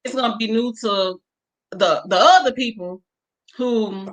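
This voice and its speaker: A woman's voice: fairly high pitch, measured pace, rough recording. A woman co-hosting a casual chat, reading viewer comments aloud with a few hesitant fillers.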